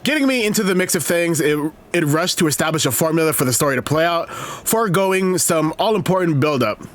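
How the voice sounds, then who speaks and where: A man's voice: on the high side, expressive, brisk, a bit bright. A man streaming live, reading reviews aloud and reacting with rambling jokes and frequent laughter. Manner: rambling, joking, laughs often.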